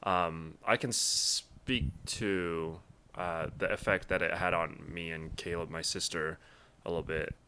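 A young man from Taiwan, a guest in a casual interview, answering in a thoughtful, measured way with frequent pauses. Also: low-pitched, steady tone, pushed and bright, a little hiss or hum. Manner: thoughtful, measured, many ums.

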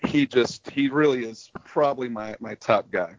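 A middle-aged man speaks as an interview guest over a video call, his voice coming through dull and lo-fi with no room sound at all. He talks at a moderate pitch and tells his stories in an enthusiastic, rambling way. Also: normal speed, dry recording. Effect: heard over a video call, connection breaking up. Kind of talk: casual interview.

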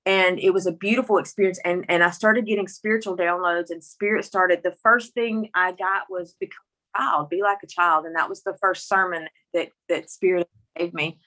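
Her lowish, sharp-toned voice moves at normal speed with fairly even intonation and hardly any pauses. She is a middle-aged woman from rural Mississippi, a guest with a Southern country accent recounting her personal story in a folksy, candid, emphatic manner.

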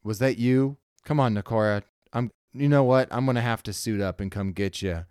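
A man's voice: medium pitch, normal speed, darkish tone, clear, resonant tone, no room sound, studio quality, voice pushed up, lightly acted. A man voicing a determined female spaceship crewmate who talks in an urgent, pressing way.

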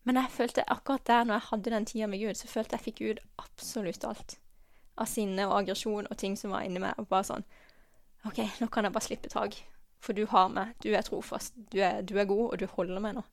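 A woman giving a personal faith testimony, halting and earnest, with many pauses and restarts, sometimes dropping to a soft whisper. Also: medium pitch, steady tone, no room sound, studio quality. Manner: drops to a soft whisper at tender moments. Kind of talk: personal testimony, spoken from memory.

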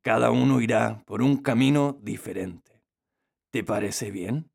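A man voicing a cunning big male wolf with a rough, hoarse voice, talking slowly and coaxingly. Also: medium pitch, a little mellow. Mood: sly. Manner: slow, sly, coaxing.

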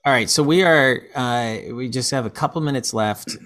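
A man's voice: mid-range voice, normal speed, a bit bright. A man hosting a podcast, telling stories in casual chat, rambling with many restarts. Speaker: podcast host.

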